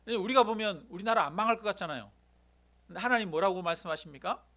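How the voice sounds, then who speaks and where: A man preaching a sermon as pastor, slowing to stress key words and putting questions to the congregation. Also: high-pitched, bright, forceful tone. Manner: asks the congregation questions, addresses a member by name; slows and stresses key words, quoting voices.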